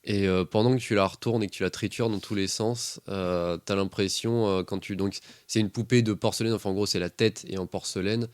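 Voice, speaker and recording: A man narrating as game master of a tabletop horror game, halting with many fillers. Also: on the low side, fairly even intonation, no echo, studio quality.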